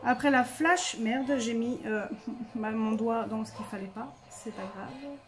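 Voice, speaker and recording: Woman vlogger, high voice, casual rambling home chat. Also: a little slow, over music. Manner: chatty, filler-heavy, self-correcting. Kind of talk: casual chat while swatching paints.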